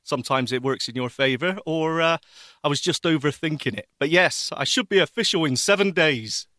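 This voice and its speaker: A man co-hosting a radio show, telling stories in wry, lively casual chat. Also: on the high side, a little fast, dry recording, studio quality.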